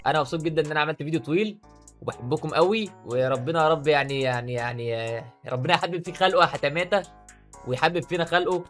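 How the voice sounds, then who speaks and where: Fast-talking Egyptian man vlogging. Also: a little high, faint music behind. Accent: Egyptian Arabic. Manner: excitable, rapid-fire talk. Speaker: YouTuber. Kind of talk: casual commentary vlog.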